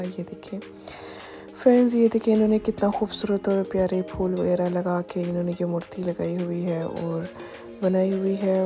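Chatty woman vlogger on an evening walk. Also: lowish voice. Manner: chatty, repeats "ye dekhiye" while pointing things out. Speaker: travel vlogger. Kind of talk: casual walking-tour narration. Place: outdoors on city streets at dusk.

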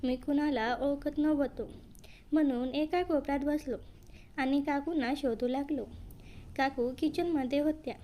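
Woman narrator, high voice, plain even story reading, faint background hum. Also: measured pace. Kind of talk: first-person story narration.

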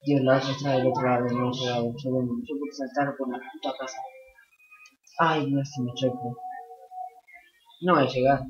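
A man doing excitable let's play commentary for his gaming channel, swearing and repeating words in quick bursts. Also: medium pitch, dull audio. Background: video game music.

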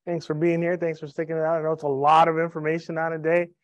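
On stage with a handheld microphone, a man in his thirties makes an upbeat, jokey sales pitch to a live audience in an event room, drawing on personal stories. He speaks quickly, on the high side, in a completely flat way. The recording is muffled with no room sound.

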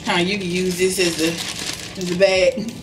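A woman's voice: lowish voice, flat delivery, unhurried, recorded from a distance. An American woman in her thirties chatting casually and exclaiming expressively in a home kitchen. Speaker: challenge video co-host. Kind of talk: casual reactive chat. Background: music.

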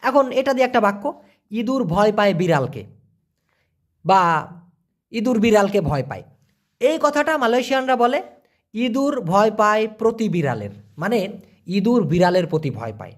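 A man's voice: high voice, sing-song. A man from Bangladesh teaching a language lesson in a casual, colloquial way, repeating each word and drilling phrases for his viewers. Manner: explains slowly, repeats words and drills phrases; colloquial, addresses viewers directly.

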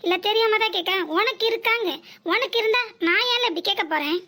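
Shrill scolding village mother-in-law. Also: bright, forceful tone. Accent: southern Tamil, Tirunelveli area. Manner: scolding, sarcastic, rapid-fire insults. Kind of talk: village cartoon comedy dubbing.

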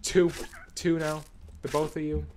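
A man's voice: a little high, little pitch movement, measured pace, a little mellow, a little hiss or hum. A man giving casual, exasperated, sweary commentary while he plays a horror video game. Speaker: gamer commentating on own play.

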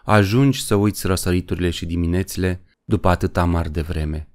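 A frail old soldier speaks in a trembling, tired voice, as a man reads him aloud in an audiobook. He sounds weary and wistful, his tone low and deep. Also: a little mellow, lightly acted.

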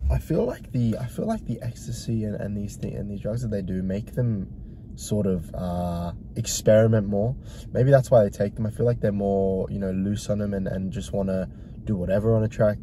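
A young man with a nasal, congested voice from hay fever, casually reviewing an album track by track in a relaxed, rambling way with many fillers. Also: lowish voice, noisy background. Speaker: music reaction reviewer. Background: hip hop music playing.

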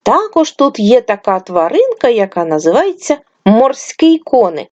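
A woman teacher giving a reading lesson to young children, slowly sounding out words sound by sound. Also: a little high, very animated, dark tone, dry recording, highs cut off. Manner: slow, drawn-out sound-by-sound enunciation. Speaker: primary school teacher.

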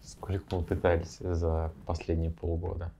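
An actor playing a defensive young boyfriend, bickering and then worn out, in a short film. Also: male voice, sits low, monotone, moderate pace, mellow, slight background noise. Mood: weary. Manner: bickering, then tired and resigned.

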